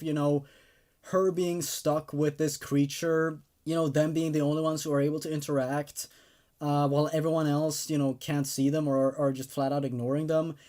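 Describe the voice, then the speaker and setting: His voice is fairly high yet dark in tone as this man hosts horror story readings. He tells the tales with dramatic emphasis, then offers a laid-back, enthusiastic review.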